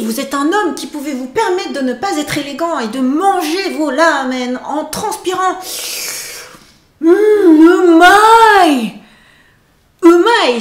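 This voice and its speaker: A woman teaching a casual video lesson, playful and expressive, stretching out her sample words. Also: high voice, reverberant. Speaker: Japanese language teacher.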